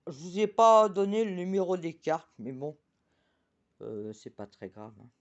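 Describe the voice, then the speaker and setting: A chatty woman presenting oracle cards on her channel, talking about herself in the third person and reading each card's message slowly. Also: on the low side, big pitch swings, highs cut off. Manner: reads card messages slowly.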